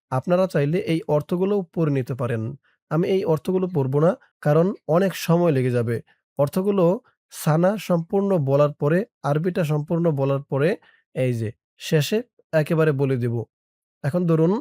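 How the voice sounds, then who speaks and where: A man teaching prayer recitation, spelling words syllable by syllable and chanting them slowly. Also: fairly high pitch, dark tone, dry recording, clean studio sound. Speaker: religious teacher. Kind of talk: spelling lesson in Arabic recitation.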